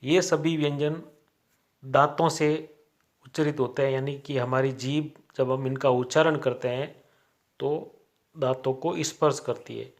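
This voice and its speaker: Slow, deliberate lecturer. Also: male voice, mid-range voice, steady tone. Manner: slow, deliberate, spells out sounds one by one with many "a" fillers. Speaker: college Hindi lecturer. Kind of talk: classroom grammar lecture.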